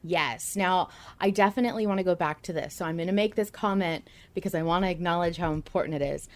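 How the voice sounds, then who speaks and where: On her casual fan discussion podcast, a host reads out remarks and comments on them enthusiastically. She speaks quickly in a lowish voice.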